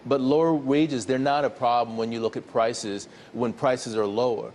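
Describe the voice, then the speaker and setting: During a TV interview, a man gives economic analysis as a regular guest commentator, stepping through numbers hesitantly with many fillers. His mid-range voice is steady and a little mellow at a moderate pace, over slight background noise.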